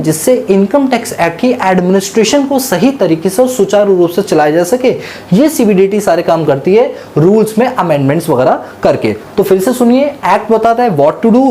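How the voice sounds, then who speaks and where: Mellow-voiced male tax lecturer. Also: sits high, a little hiss or hum. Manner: asks the class questions and answers them himself; mixes English terms into Hindi speech. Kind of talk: classroom lecture.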